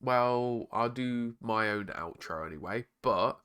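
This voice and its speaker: A man talks casually to his viewers on a live stream, his voice hoarse and raspy. He chats about the miniature he is painting, at a middling pitch. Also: takes it slowly, pushed and bright. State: hoarse, struggling to talk.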